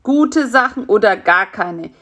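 A woman's voice: medium pitch, expressive, unhurried, a bit bright. A woman voicing a fat, scheming male spider who bosses his captive around with mock politeness. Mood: bossy.

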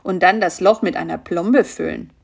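A brisk, politely fussy male mosquito dentist, as a woman reading a storybook puts him on. He talks in a practical, reassuring way, with a slightly gravelly tone. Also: on the low side.

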